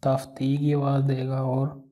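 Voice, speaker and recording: A man with a Pakistani Urdu accent walks through an alphabet lesson at an unhurried pace. His voice is dark and mellow and stays almost perfectly level, and he patiently repeats each sound. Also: medium pitch, monotone. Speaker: language teacher.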